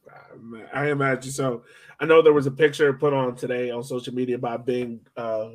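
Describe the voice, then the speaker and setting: Casual sports chat comes from a young man hosting a podcast in a mid-range voice. He talks at normal speed with a flat delivery, keeping things informal and full of slang.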